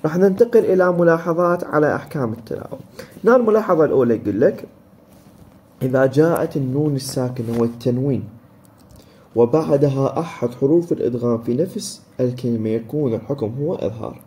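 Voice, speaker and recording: A man with an Iraqi Arabic accent gives a recorded lesson, walking through each rule in turn. He poses questions and answers them himself, at a middle pitch. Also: lively intonation, fast talker, warm tone. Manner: explains step by step, asks and answers his own questions. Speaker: teacher. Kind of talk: recorded lesson on Quran recitation rules.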